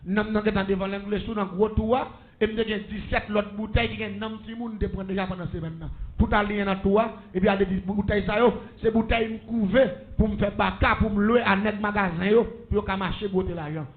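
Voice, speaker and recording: A man's voice: high voice, fairly even intonation, fairly quick. A man with a Haitian accent, preaching a sermon as a testimony and calling out blessings to the congregation. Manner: storytelling preacher with call-and-response blessings. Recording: muffled lo-fi recording.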